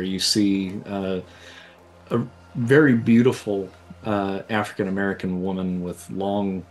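A man runs a tabletop game, narrating scenes and playing the people the players meet. He talks in a relaxed, descriptive way with lots of fillers, and his voice sits on the low side. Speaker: game master.

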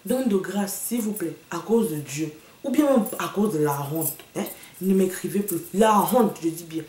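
A woman's voice: on the low side, normal speed, mellow. A woman delivering a sassy, mocking comic rant to the camera, slipping into English and slang. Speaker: comedian vlogger. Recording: echoey room, a bit far from the mic.

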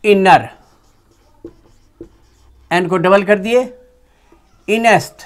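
A patient grammar teacher who speaks at a very unhurried pace. Each word is stretched out while it is written, in a mid-pitched voice, like classroom dictation. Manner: slow, drawn-out dictation while writing. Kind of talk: classroom-style lesson explained in Hindi. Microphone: phone on a tripod with a clip-on mic.

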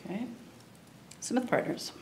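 A woman chairing a board meeting, moving briskly through motions and votes. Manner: brisk, procedural. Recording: noisy meeting room.

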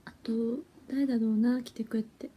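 A woman's voice: a little high, level tone, moderate pace, dark tone, a little hiss or hum. A young woman, an idol, chatting casually with viewers on a phone livestream, giggly and easily flustered. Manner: chatty and giggly, flustered when her stream freezes.

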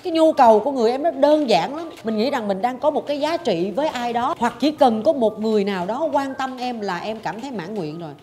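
A woman's voice: a little high, lively intonation, fast talker, few pauses, mellow, slight background noise. A woman, hosting a talk show and dramatically telling a personal story, acting out her own past thoughts. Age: 40s. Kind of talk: confessional storytelling chat.

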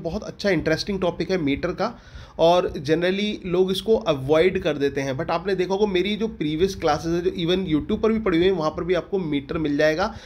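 A man's voice: high-pitched, a little mellow. A man teaching English literature for an exam in a lecture style, with an Indian English accent, repeating questions and answering them himself.

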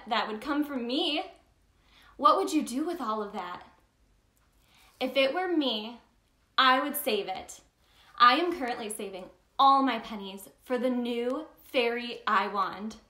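Here a woman takes on the role of a cheerful Tooth Fairy running a children's story time, addressing the kids head-on with lively, sing-song energy. The space around her is roomy and reverberant, and her fairly high voice sounds bubbly and chatty.

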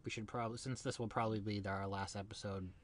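A man's voice: on the low side, fairly even intonation, fast talker, a little hiss or hum. A young man co-hosting a podcast, easygoing and chatty. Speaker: podcast co-host. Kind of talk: casual podcast chat.

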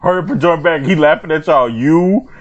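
Loud teasing young man gaming. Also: on the high side, brisk, dull audio. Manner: loud, teasing, profane, laughs often. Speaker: gaming host. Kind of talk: casual gaming banter.

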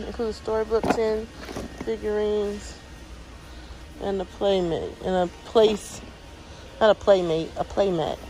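Slow-talking woman browsing store aisles. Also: medium pitch. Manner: chatty, lists items and prices as she browses. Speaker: shopping vlogger. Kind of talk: casual shop-with-me narration. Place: large warehouse store aisle, indoors. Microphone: handheld phone camera. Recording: noisy phone audio in a busy store. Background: store ambience and noise.

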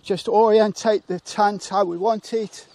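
Chatty man, high voice, dry sound. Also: fairly even intonation, measured pace, creaky, a little mellow, no room sound. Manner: chatty, self-deprecating, thinks aloud with fillers. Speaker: motorcycle touring reviewer. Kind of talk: casual demonstration. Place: outdoors.

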